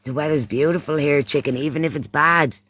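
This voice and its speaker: This livestream host from Ireland speaks a little fast in a slightly high, bright voice with a forceful tone, and no room sound is heard. Chatting casually in an Irish accent, he tends to repeat phrases and uses pet names for whoever he's addressing.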